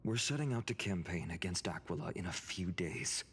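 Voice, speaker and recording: Polite earnest young hero in a game, low voice, music under it. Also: male voice, animated, normal speed, husky, heavily acted. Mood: serious, measured. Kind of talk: video game voice acting.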